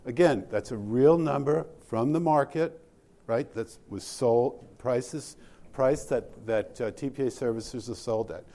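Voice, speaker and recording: At an industry session, a man in a mellow, mid-range voice walks through pricing data on his slides at an unhurried pace. He polls the audience for input and frequently starts sentences over.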